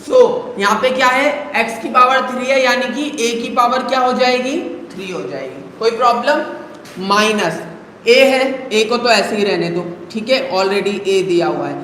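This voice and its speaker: A man's voice: extremely high pitch, a little slow, pushed and bright, a little hiss or hum. Man teaching math in a very echoey room. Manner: coaxing, calls students "beta", asks rhetorical questions. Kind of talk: live online math lesson. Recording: very echoey room, faint ambience.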